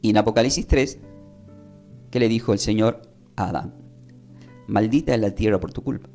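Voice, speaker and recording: Over soft background music, a man with a fairly low, warm voice speaks at normal speed. He's from Tucumán, has an Argentine accent, and teaches a Bible class where listeners repeat his phrases, his delivery marked by emphatic rises.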